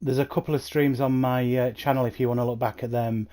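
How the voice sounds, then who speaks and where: Streaming a bus game from home on his console, this man casually and eagerly addresses viewers by name through a new gaming headset mic. He talks fast in a dark, mid-range voice with fairly even intonation.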